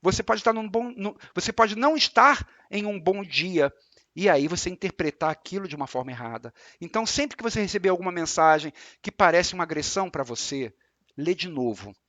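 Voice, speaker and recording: A man with a Brazilian Portuguese accent giving a spiritual lecture, explaining calmly and repeating his points with examples. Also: high-pitched, a little fast, no echo, dull audio. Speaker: religious lecturer.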